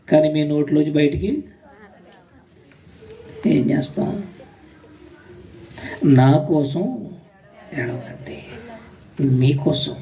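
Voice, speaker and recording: A man's voice: medium pitch, dark tone, distant mic. A man preaching a sermon as pastor, emphatic, with rhetorical questions and repeated phrases.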